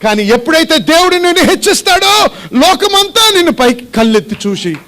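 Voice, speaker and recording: A man's voice: very high voice, sing-song, fairly quick, pushed and bright. A male pastor preaching a sermon in a church, asking repeated questions and calling on the congregation to respond.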